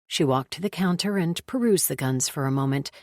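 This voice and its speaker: A woman narrating a thriller audiobook in a measured, even way. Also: sits low, no echo, studio quality. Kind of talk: scripted narration.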